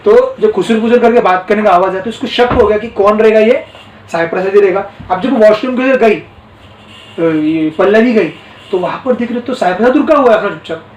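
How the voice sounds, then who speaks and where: A man's voice: sits high, fairly quick, lo-fi sound. A man, a teacher casually telling a story to his students, repeating himself and breaking off for asides to his listeners. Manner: rambling and repetitive, with asides to listeners. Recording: roomy echo, distant mic, faint noise.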